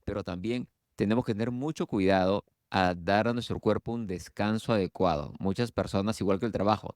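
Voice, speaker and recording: A man's voice: deep voice, darkish tone, no room sound, studio quality. A man, a physician hosting the interview, who asks questions and sums up points in an explanatory tone. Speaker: physician host. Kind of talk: conversational interview.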